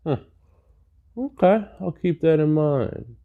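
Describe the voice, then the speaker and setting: Man voicing an alien commander, higher, slow and probing. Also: lively intonation, phone-quality sound. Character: imposing male alien commander, curious.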